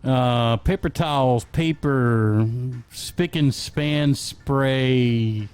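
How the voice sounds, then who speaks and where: A man with a mid-range, slightly mellow, clean voice speaks very slowly while co-hosting a casual podcast. He jokes around, rambles and runs through lists over a webcam setup.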